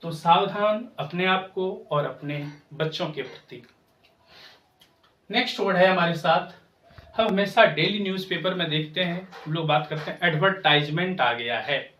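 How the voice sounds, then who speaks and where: A man teaching English pronunciation, speaking slowly and repeating each word to correct common mistakes. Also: high-pitched, bright, forceful tone. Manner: slow, repetitive, corrective. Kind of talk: pronunciation lesson to camera. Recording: echoey room, voice from a distance.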